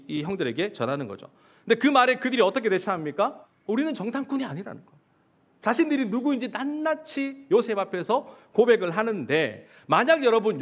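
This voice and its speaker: A male pastor delivers a sermon in church, his voice pitched high and moving up and down a great deal. He keeps asking the listeners questions and answering them himself. At times he acts out the quoted lines in a mocking voice.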